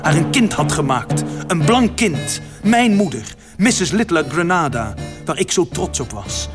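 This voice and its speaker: A man reading a first-person literary story aloud as narrator, with dramatic delivery that swells in its louder passages. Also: fairly high pitch, sing-song, a little slow, over music.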